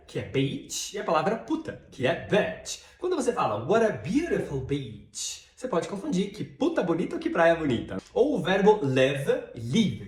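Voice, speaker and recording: A Brazilian man with a fairly high, lively voice teaches English pronunciation and pushes back hard on his critics. He argues his point with emphasis and stretches out each example word. The room around him sounds echoey. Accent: Brazilian Portuguese. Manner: emphatic, argumentative, drawn-out example words. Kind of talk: video lesson answering criticism.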